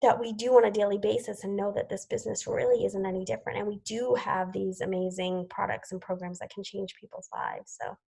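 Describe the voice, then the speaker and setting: A woman's voice: medium pitch, flat delivery, a little fast, vocal fry, few pauses, a little mellow, slightly rough, poor audio. A woman in her forties leading a group video call, talking casually with lots of "like" and "you know" and laughing often. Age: 40s. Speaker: team leader hosting a group video call. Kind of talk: casual motivational chat.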